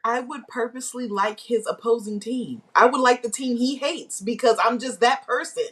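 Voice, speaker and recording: A woman's voice: fairly high pitch, steady tone, moderate pace, a bit bright, husky. A woman co-hosting a casual live podcast, blunt and teasing. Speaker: podcast co-host.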